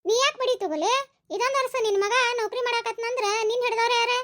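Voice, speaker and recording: Cartoon village gossips, North Karnataka accent, piercing high and bright. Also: female voice, quick pace. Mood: teasing. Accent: North Karnataka Kannada. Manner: teasing, gossipy, rustic. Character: gossipy middle-aged village women farm workers. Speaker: cartoon voice actor.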